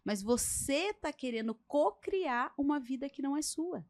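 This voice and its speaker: Brief: Brazilian woman host, slightly high voice, chatty and warm-humored storyteller. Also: animated, moderate pace. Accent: Brazilian Portuguese. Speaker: podcast host. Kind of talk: casual podcast chat. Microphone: podcast mic.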